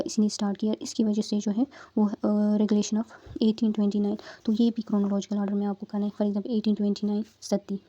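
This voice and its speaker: A woman's voice: mid-range voice, mellow, dull audio. A young woman tutoring exam candidates in a casual study-guidance talk, explaining step by step with frequent fillers and check-ins.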